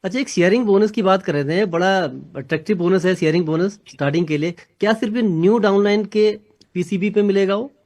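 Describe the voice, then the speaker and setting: A man's voice: high voice, quick pace, darkish tone. A man interviewing, asking follow-up questions and briefly agreeing.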